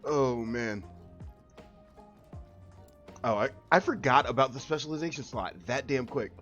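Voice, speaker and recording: A man's voice: medium pitch, unhurried, fairly bright tone, dull audio. Young guy streamer, chill gameplay chat, lots of laughs, faint music behind. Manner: laughs often, easygoing.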